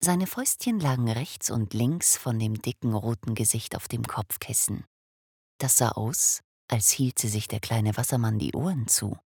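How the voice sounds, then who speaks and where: A woman reading a children's story aloud, expressive and animated, sometimes dropping to a whisper. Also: a bass voice, measured pace, breathy edge, no echo, clean studio sound.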